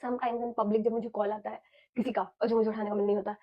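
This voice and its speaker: A woman's voice: mid-range voice, little pitch movement, quick pace. A young woman from India, telling a storytime vlog casually and with animation, mixing Hindi and English and swearing freely. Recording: slightly dull lo-fi audio.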